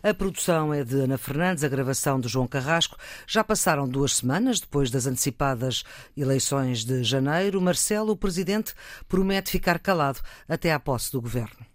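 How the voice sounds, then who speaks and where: A man with a European Portuguese accent presenting a radio talk show in measured, scripted introductions. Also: medium pitch, no room sound. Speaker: radio host.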